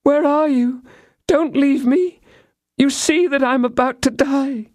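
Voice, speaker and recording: A woman's voice: high-pitched, slow pace, a little mellow, no room sound, studio quality, voice pushed up. A man voicing Constance, a frail, frightened young woman who is dying, in an audiobook reading. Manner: breathless, pleading.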